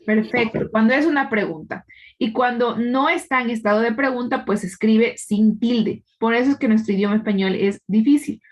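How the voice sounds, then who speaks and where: A woman's voice: on the high side, normal speed. A woman teacher giving a live class, explaining patiently and quizzing her students, with frequent tag questions. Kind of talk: live online class lecture.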